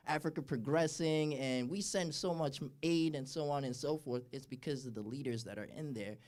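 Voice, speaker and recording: A man's voice: medium pitch, normal speed, a little mellow. A man from Uganda in the audience asks a candidate a long question at a town hall, hesitating and restarting as he goes. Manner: hesitant, many fillers and restarts. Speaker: audience member asking a question. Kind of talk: question from the floor. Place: town hall event, indoors.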